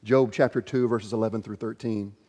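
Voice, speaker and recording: A man's voice: fairly low pitch, steady tone, fairly quick, mellow, big-room sound. A man preaching a sermon as pastor, earnest and questioning, reading scripture aloud.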